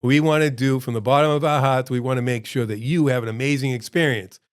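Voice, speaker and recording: A man at an ordinary, middle pitch tells a story in a loose, rambling way. He jumps sharply upward when he acts out what people said, then drops back into casual chatter. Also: steady tone, quick pace, smooth. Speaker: restaurant owner and show host.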